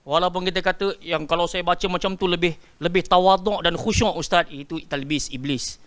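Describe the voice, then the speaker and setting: Bright high-voiced Malaysian male Quran teacher. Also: level tone, clean tone. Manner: drills pronunciation, stretching words slowly and asking pupils to repeat; quizzes pupils by name and praises answers. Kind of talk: teaching Quran recitation to a class.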